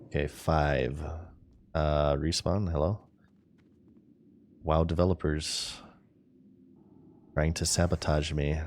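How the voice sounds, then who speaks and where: Guy streaming an online game, really low voice, chatting to chat, bit of hiss behind. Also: level tone, slow pace, pauses often. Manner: chatty, talks to chat while playing. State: hiccuping. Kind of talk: casual gameplay commentary.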